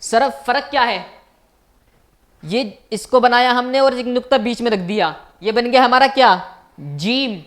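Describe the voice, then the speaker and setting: A man's voice: extremely high pitch, normal speed, a bit bright. A man teaching as a language teacher in a recorded online lecture, patiently repeating each point and asking his viewers questions.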